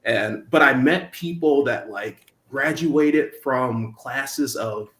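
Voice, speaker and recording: A man's voice: mid-range voice, a bit bright, a little hiss or hum. A young man from Minnesota, a guest in an interview, speaking reflectively with frequent restarts and ums. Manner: halting, many restarts and ums. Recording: roomy echo.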